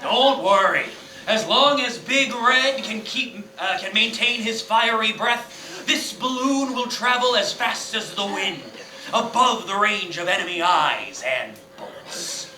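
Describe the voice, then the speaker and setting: Breezy, self-satisfied inventor male actor in a radio comedy; sharp, very bright voice in an echoey space. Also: sits high, lively intonation, slow pace, exaggerated voice. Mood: breezy, proud. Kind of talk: comic stage radio play. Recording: echoey stage, faint noise.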